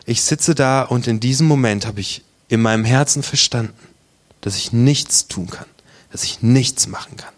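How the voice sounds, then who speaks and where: A man with a mid-range voice delivers a testimony sermon at a moderate pace. He recounts his own faith journey earnestly and intimately, sometimes sinking almost to a whisper.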